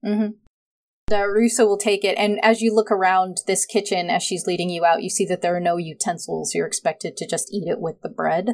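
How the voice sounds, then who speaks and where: A woman running a tabletop game, describing scenes in a casual, unhurried way. She often pauses with fillers as she sets each scene. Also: fairly low pitch, flat delivery. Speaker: game master.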